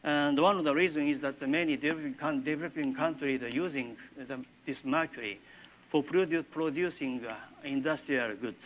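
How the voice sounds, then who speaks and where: An older man with a Japanese accent gives a university lecture in halting English, with many filler pauses. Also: fairly high pitch, a little hiss or hum, rough recording. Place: lecture classroom.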